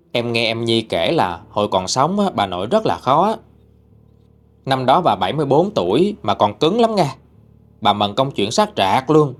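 A man with a Southern Vietnamese accent who narrates listener-sent ghost stories in a chatty, colloquial way. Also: medium pitch. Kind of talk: spoken ghost story narration. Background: faint music.

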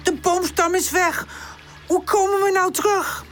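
A woman's voice: extremely high pitch, fairly even intonation, unhurried, fairly bright tone, soft background music, pitched above the performer's own voice. Woezel, a woman doing a boyish little puppy. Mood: alarmed. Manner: boyish, hesitant, stammering. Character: young male puppy, brave but easily scared.

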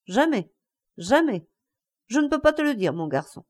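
Pitching above her natural voice, a woman plays a story's bitter, furious older man, a betrayed husband whose outbursts are breathless, scornful, and insistent. Her delivery is fairly high with big pitch swings and a moderate pace.

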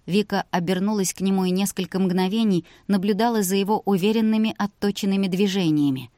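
A woman narrating a novel in a steady, even storytelling voice. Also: mid-range voice, a little fast, no echo, clean studio sound. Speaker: audiobook narrator. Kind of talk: scripted narration.

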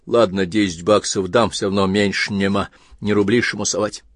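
Gruff, wry admiral grumbling to himself, low and dry, read by a man. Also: steady tone, normal speed, no echo, natural voice.

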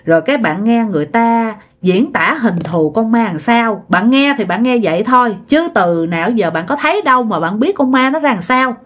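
A woman's voice: on the high side, expressive, normal speed, few pauses, fairly bright tone. A woman with a Southern Vietnamese accent, chattily retelling a listener's ghost story and repeating words for effect.

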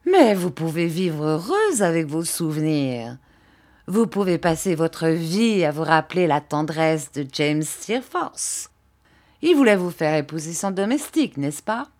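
A woman reading an audiobook, voicing a spiteful young woman full of hatred, who speaks slowly and cuttingly. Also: on the low side. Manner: slow, hard, cutting delivery.

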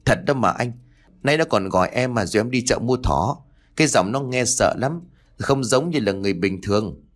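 A man voicing a worried middle-aged mother in an audio story, calling out and anxious, a bit higher than his own voice. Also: lively intonation, normal speed, lightly acted. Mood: frightened.

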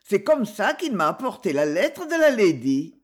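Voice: medium pitch, sing-song, moderate pace. A reader voicing a cornered, grumbling male crook in an audiobook, hesitant and surly.

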